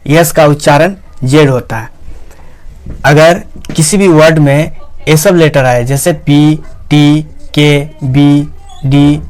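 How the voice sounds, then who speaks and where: A young man teaching English grammar in a slow classroom style, repeating examples and asking rhetorical questions. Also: fairly high pitch.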